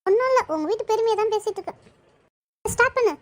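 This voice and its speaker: Sarcastic cartoon girl friend, very high, quick, actor-voiced. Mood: mocking. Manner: mocking, sarcastic.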